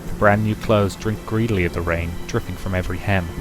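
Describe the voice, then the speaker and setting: A man reading visual novel narration aloud in a measured, dramatic way for a Let's Play. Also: low-pitched, steady tone, music in the background, poor audio.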